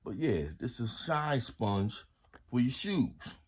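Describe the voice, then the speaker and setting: A man's voice: mid-range voice, very animated, slow pace, a little hiss or hum. A man casually showing off home products in a haul video, talking to his viewers in a laid-back, slangy way. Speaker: vlogger reviewing home products.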